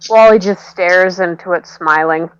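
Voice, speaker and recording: A woman's voice: fairly low pitch, measured pace. A woman playing a tabletop role-playing game, playful and giggly. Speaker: player. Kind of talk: tabletop role-play banter. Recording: dry, dull lo-fi audio.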